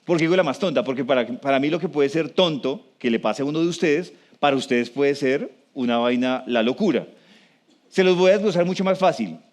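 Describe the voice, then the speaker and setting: A man giving a live talk to an audience, conversational, often asking the room questions and slowing down for emphasis. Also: on the high side. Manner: slows down for emphasis.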